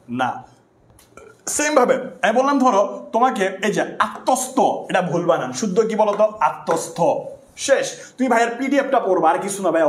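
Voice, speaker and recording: High-voiced young male tutor, echoey room. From Bangladesh. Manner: casual, bantering with viewers, repeats words for emphasis. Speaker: online tutor. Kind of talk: live online class, chatty and joking.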